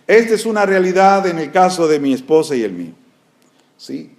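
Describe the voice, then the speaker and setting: A man's voice: fairly high pitch, big pitch swings, moderate pace, darkish tone. A middle-aged man preaching a sermon as pastor, earnestly calling his listeners brothers.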